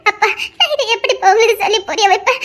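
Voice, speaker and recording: A woman's voice: extremely high pitch, brisk, fairly bright tone. A woman voicing a small, tender daughter who pleads with her father, tearful and laughing nervously. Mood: tearful pleading. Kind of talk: Tamil audio drama acting.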